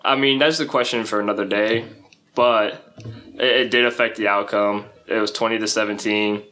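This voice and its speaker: A man with a fairly low voice co-hosts a casual sports podcast. He talks in an upbeat, friendly way and keeps the chat moving. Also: fairly even intonation, moderate pace, pushed and bright, faint music behind. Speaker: co-host.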